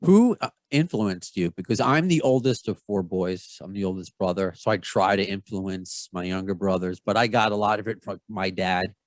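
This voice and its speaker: A man in his thirties with a Long Island New York accent, hosting a podcast in a chatty, rambling, self-deprecating way. His voice is fairly low and sounds dry and close, with no room around it. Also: normal speed, few pauses, no room sound. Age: 30s. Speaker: podcast host. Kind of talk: casual interview.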